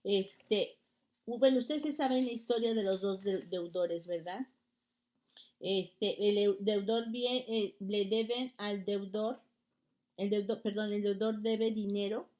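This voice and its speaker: A woman's voice: mid-range voice, takes it slowly, a little mellow. A woman preaching a sermon, reading scripture aloud to her listeners, with stumbles and restarts as she addresses them as brothers and sisters.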